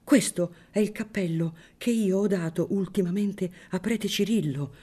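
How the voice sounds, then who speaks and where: A woman's voice: medium pitch, measured pace, dark tone, breathy edge, voice pushed up. A woman reading an audiobook, voicing a startled middle-aged former hatter who speaks urgently and insistently.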